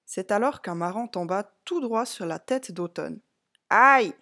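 A woman reading a picture book aloud to children, slow and clear, speaking directly to the young listener. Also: mid-range voice, lively intonation. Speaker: storybook reader. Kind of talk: read-aloud story for children.

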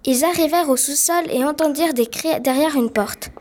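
A woman's voice: high-pitched, brisk, darkish tone. A woman narrating a story in a plain amateur reading, with small slips.

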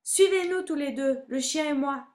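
A woman voicing a kind young male monk in a storybook, calling out loudly and urgently. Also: high-pitched, moderate pace, pitched above the performer's own voice, lightly acted. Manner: calls out loudly.

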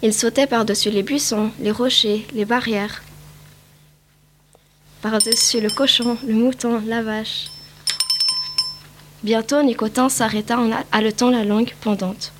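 Woman narrator, picture-book read-aloud, careful pace, slightly high. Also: fairly even intonation, unhurried, long pauses, background noise. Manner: careful reading with small slips.

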